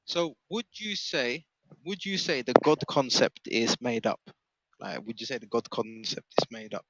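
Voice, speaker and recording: Measured man asking questions. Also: medium pitch, big pitch swings, a bit bright, lo-fi sound, a little hiss or hum. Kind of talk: casual debate chat.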